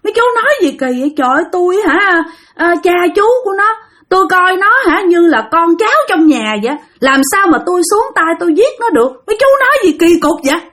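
A defensive village man protests in a high, shrill rush, talking fast and indignant, played by a woman. His pitch soars well above the teller's own voice. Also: expressive, fairly bright tone. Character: middle-aged village man, shrill and defensive, denying guilt.

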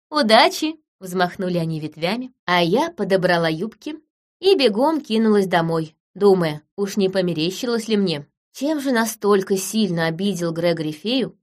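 A woman narrating a first-person fairy tale in a gentle, measured storytelling manner. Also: mid-range voice, expressive. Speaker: audiobook narrator.

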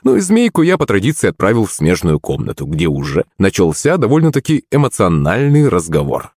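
A man narrating an audiobook in the first person, in a wry, expressive way. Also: deep voice, brisk, dry recording, studio quality. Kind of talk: scripted narration.

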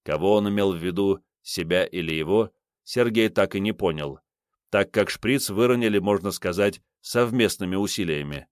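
A man narrating an audiobook in a steady storytelling manner. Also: low voice, moderate pace, smooth, dry recording, clean studio sound.

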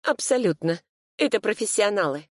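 A woman's voice: medium pitch, expressive, normal speed, dry recording, clean studio sound, pitched above the performer's own voice, close to an everyday voice. A reader voicing a frightened young woman whose voice trembles as she talks to her lawyer. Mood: tense. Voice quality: tense, trembling.

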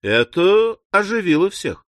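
A man narrating an audiobook of a classic comic novel in an expressive storytelling manner. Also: sits high, a little slow, dry recording, clean studio sound. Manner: expressive, lifting his voice for quoted shrieks. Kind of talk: scripted literary narration.

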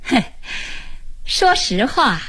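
A woman voicing a big, blunt maidservant who speaks loudly and gloats in a radio drama story. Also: on the high side, very animated, extremely slow, slightly rough, full character voice. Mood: gloating. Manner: loud, gloating.

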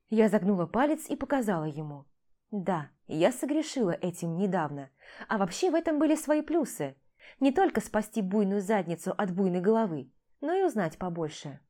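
Mellow-voiced woman narrating an audiobook. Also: medium pitch. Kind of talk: first-person scripted narration.

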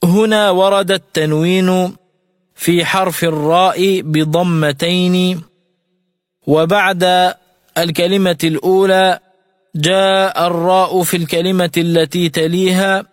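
A man's voice: sits high, level tone, no room sound, clean studio sound, big-room sound. A man teaching Quran recitation on radio. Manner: explains rules clearly, then recites examples slowly and melodically.

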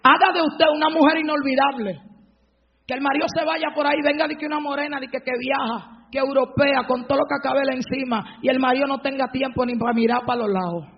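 A woman preaching a fervent sermon, breaking into shouted praise, on a dull lo-fi recording. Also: high-pitched, fairly even intonation, fast talker, in a large hall.

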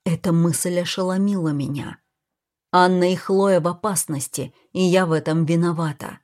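A woman's voice: fairly low pitch, moderate pace, darkish tone. A woman reading a novel aloud in scripted first-person narration. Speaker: audiobook narrator.

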